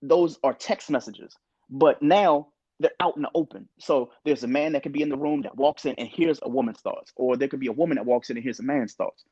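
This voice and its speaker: A young adult man co-hosting a podcast, talking in an animated, opinionated way and sometimes quoting others. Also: medium pitch, a little fast, slightly rough, dry recording, highs cut off. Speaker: podcast co-host. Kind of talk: casual podcast discussion.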